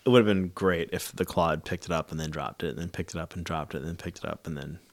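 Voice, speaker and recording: A man's voice: low voice, steady tone, quick pace. A man co-hosting a podcast, chatting about a film in a laid-back, joking way. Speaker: podcast co-host. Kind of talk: casual chat about a film.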